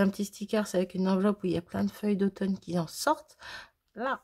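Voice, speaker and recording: A woman's voice: mid-range voice, darkish tone. Bubbly chatty Frenchwoman unboxing. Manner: chatty, bubbly, self-mocking, gushing over items. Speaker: craft vlogger unboxing mail. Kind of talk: casual chat to viewers. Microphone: phone.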